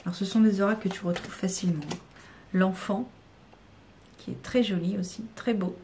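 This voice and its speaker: A woman's voice: medium pitch, steady tone, normal speed, warm tone, a little hiss or hum. A woman with a French accent talking casually and unscripted to her viewers, rambling with many fillers and sometimes dropping to a near-whisper. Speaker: YouTuber showing card decks. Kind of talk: unscripted casual talk to camera.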